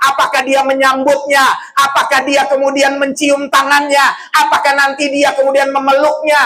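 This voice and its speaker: A man preaching a sermon, animated and often shouting, joking with his audience and quoting Arabic phrases. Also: very high voice, moderate pace, low-quality recording.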